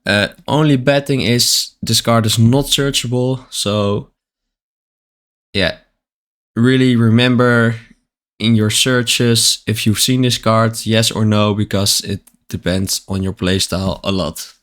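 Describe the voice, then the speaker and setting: A man's voice: on the low side, steady tone, slow, a bit bright. A man with the hiccups, reading card text aloud and explaining it plainly in a casual card-by-card deck walkthrough. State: has the hiccups.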